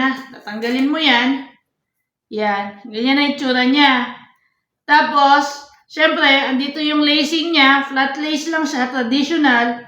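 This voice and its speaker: A woman's voice: sits high, pushed and bright. A woman vlogger chatting casually to her viewers as she walks through the details of a sneaker. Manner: chatty, addresses viewers often. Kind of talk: casual product walkthrough. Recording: echoey room.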